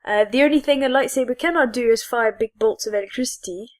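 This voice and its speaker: A fast-talking woman with a fairly high pitch co-hosts a podcast. Her casual chat about geeky subjects rambles along, enthusiastic and full of giggles.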